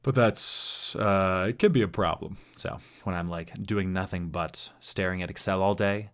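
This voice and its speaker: A man's voice: sits low, normal speed, fairly bright tone, smooth. A man hosting a podcast, chatting casually and self-deprecatingly with a guest and laughing often. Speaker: podcast host and streamer.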